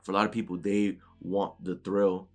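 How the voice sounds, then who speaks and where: Speaking at normal speed in a flat, darkish-toned voice, a young New York man gives a casual motivational talk from his bedroom without a script. The YouTuber frequently adds "right?" and occasionally stutters. Low music runs underneath.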